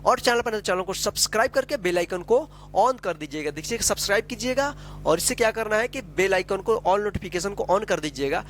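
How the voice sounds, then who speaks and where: A man's voice: sits high, expressive, fairly quick, fairly bright tone, a little hiss or hum. A man teaching English spelling and pronunciation, reading sentences word by word, spelling out letters and often checking in with his students. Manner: coaxing, often asks "ठीक है ना".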